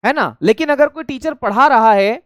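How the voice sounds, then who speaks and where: A man teaching an online exam-prep class, repeating key phrases slowly and speaking straight to his students. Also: extremely high pitch, fairly bright tone, smooth, dry recording, clean studio sound. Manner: addresses students directly and often, chatty asides.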